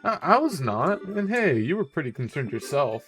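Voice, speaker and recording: A man's voice: a little high, big pitch swings, normal speed, music in the background. A man voicing a feisty, flustered teenage girl from a video game, stammering and exclamatory. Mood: flustered, defensive. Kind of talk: video game dialogue read aloud.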